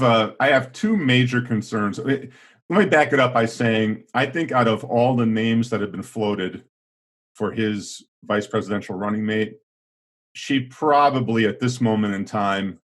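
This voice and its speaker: Low-voiced middle-aged man musing aloud. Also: fairly bright tone. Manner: thinking aloud, hedging with fillers and restarts. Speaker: podcast co-host, former teacher. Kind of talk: casual political chat.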